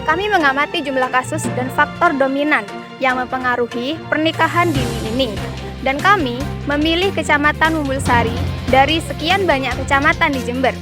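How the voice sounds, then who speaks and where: A woman reads documentary narration aloud and stumbles slightly now and then. Her voice is high. Clear background music runs beneath her. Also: a little fast.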